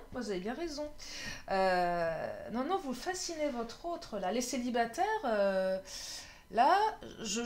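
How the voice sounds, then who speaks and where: A woman gives a relaxed love tarot reading into a close mic. She talks slowly in a fairly high voice. She chats, laughs often and sometimes stumbles over her words. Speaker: tarot card reader.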